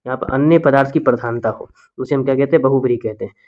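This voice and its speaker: A man's voice: medium pitch, racing. Man drilling exam questions, lo-fi sound. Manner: asks questions then answers them himself, repetitive drilling. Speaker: teacher. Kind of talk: exam-prep lesson.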